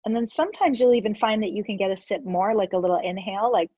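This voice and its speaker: This guest yoga teacher talks fast, explaining breathing exercises step by step in a relaxed way, her speech dotted with "like" and her nose clearly stuffed up. Her mid-range voice has a dark tone, and the muffled recording has no echo.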